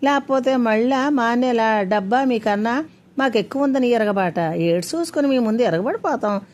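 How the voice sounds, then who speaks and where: A woman playing a loud, shrewd village matron. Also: on the high side, expressive, normal speed, slight background noise, voice pushed up, lightly acted. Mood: coaxing.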